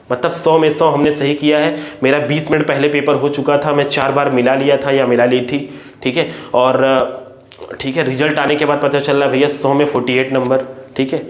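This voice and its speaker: Earnest teacher, echoey room. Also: male voice, a little high. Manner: earnest, repeats "theek hai" often. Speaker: coaching teacher. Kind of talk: direct-to-camera talk to parents and students.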